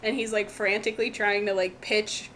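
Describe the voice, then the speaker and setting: A woman's voice: mid-range voice, flat delivery, normal speed, a bit bright, slight background noise. A woman co-hosting a podcast in casual chat, blunt and profane with sarcastic asides. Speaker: podcast co-host.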